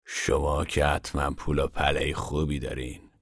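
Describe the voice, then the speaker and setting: Man playing a bitter ragged drifter, slow, sly, hushed, deep, dry close sound. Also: little pitch movement, creaky, slightly rough, dry recording, full character voice. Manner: slow, quiet, drawn-out, sly. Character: bitter ragged older male drifter, mocking.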